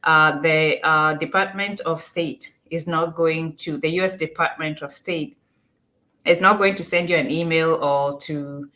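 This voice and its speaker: A bright, forceful tone rides on her low, steady voice as she moves at a measured pace. This Kenyan-accented woman leads an informal screen tutorial step by step, rephrasing and repeating as she explains.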